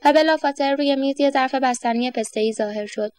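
High-voiced woman reading a children's story. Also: a little mellow, no room sound.

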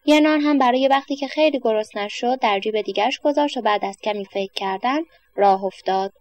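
A woman calmly reading a children's story aloud in a measured, steady manner. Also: a little high, no echo.

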